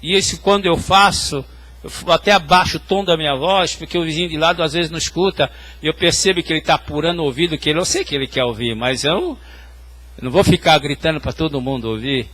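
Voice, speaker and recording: A man's voice: a little high, fast talker, a bit bright. A male pastor preaching a sermon, telling stories and speaking directly to the congregation. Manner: tells hospital stories, addressing the congregation directly.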